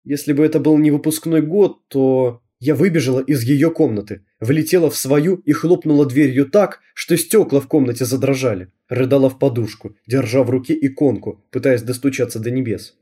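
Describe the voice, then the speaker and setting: A man reading a first-person novel aloud in a steady, measured storytelling voice. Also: medium pitch, breathy edge. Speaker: audiobook reader.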